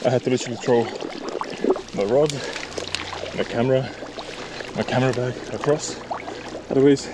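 Heavy background noise surrounds this young Estonian vlogger as he fishes by a river and chats openly with his audience. He speaks at normal speed and medium pitch, with fairly even intonation and frequent pauses. It's a casual outdoor vlog captured on a body-worn action camera.

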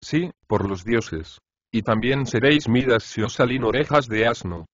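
A man's voice: mid-range voice, expressive, normal speed, no echo, dull audio, natural voice. A man voicing a brash, mocking male house slave in an audiobook of a comic play. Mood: boisterous. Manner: cheeky, taunting.

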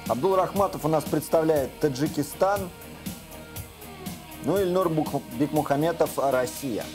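A man's voice: a little high, unhurried, music in the background. A man presenting and commentating live on mixed martial arts bouts. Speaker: sports commentator.

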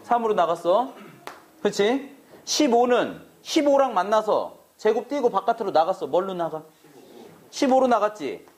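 A man's voice: high voice, lively intonation, normal speed. A man teaching math to a classroom, brash and teasing, swearing at students in a casual way. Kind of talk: classroom lecture.

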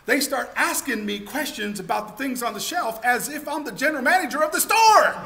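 A man in his forties giving an energetic keynote-style seminar talk to an audience in a meeting room, with emphatic delivery and many rhetorical questions, on a lapel mic. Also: very high-pitched, brisk. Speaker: keynote speaker.

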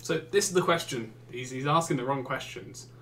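Speaking a little fast in a mid-range, fairly bright voice, an English YouTuber and streamer from England reads out questions and replies with wry, exasperated quips. It's casual gaming commentary, with slight background noise.

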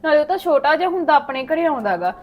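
A woman's voice: high-pitched, expressive, quick pace. An actress with a Punjabi accent playing a trusting young village woman who talks in an earnest, coaxing way.

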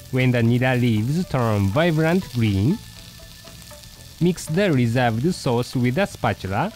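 Man playing a poodle cooking show host, unhurried, lively intonation, scripted recipe narration, patient step-by-step. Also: mid-range voice, poor audio. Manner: slow, deliberate step-by-step instructions.

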